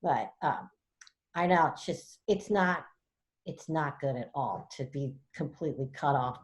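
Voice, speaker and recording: A woman with a low voice speaks at a measured pace as a podcast guest on a video call. She chats casually and swears now and then.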